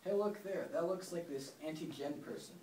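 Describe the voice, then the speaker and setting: A young woman student playing a cocky, fight-hungry special-forces soldier in a lowered voice. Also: fairly quick, warm tone, lightly acted. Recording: echoey classroom, distant mic, noisy.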